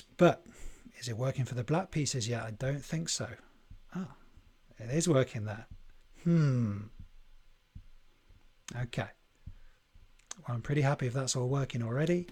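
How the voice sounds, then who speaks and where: A man hosting a live coding tutorial stream, thinking aloud in a deliberate way and chatting to viewers as he works. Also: medium pitch, a little mellow, husky. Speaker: livestream coding host.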